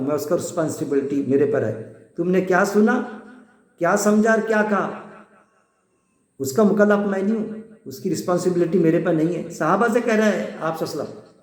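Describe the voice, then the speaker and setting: A man's voice: sits high, a little mellow, echoey room. A man giving an informal religious lesson, talking conversationally, repeating his points and using everyday examples. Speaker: Quran teacher.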